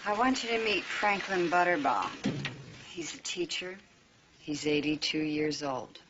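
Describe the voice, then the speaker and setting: A woman's voice: on the low side, very animated, a little slow, a bit bright. An actress playing a determined female lawyer in a television drama, speaking in an articulate, formal, insistent way. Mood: earnest, insistent. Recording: dull TV soundtrack, faint noise.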